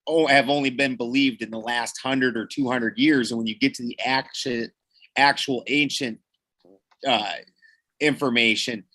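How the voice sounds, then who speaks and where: A man's voice: mid-range voice, steady tone, normal speed, sharp tone, no room sound. A man co-hosting a casual podcast, talking in a rambling way with many fillers. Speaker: podcast co-host. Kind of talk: casual group chat.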